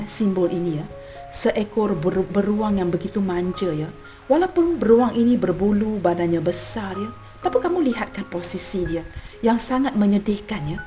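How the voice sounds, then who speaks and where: A woman gives a general tarot reading straight to her viewers in a gentle, unhurried manner. She keeps dropping a soft "ya" between her thoughts and calls her listeners friends. Clear background music plays behind her voice. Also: mid-range voice. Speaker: tarot reader.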